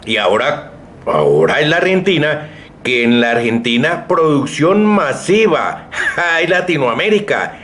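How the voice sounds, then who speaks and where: A man's voice: medium pitch, sing-song, a little slow, fairly bright tone. A man anchoring a radio newscast, editorializing emphatically and with indignation between reports. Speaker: news anchor. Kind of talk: opinionated news commentary.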